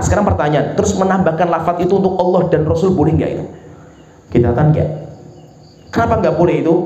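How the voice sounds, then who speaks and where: A man giving a religious lecture at a home study gathering, lively, full of rhetorical questions and repeated tag words. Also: sits high, echoey room, lo-fi sound. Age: adult with a son. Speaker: Islamic preacher.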